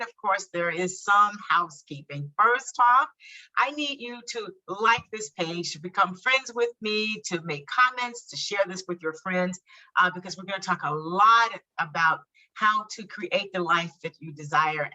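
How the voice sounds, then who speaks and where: A woman's voice: mid-range voice, sharp tone, low-quality recording. A woman hosting a live-streamed interview podcast, upbeat and chatty with frequent laughter. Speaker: podcast host.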